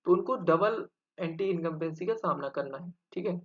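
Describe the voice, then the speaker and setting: A man's voice: on the high side, normal speed, a bit bright, muffled recording. A man teaching an exam-prep English grammar lesson, explaining step by step and quizzing his viewers with rhetorical questions.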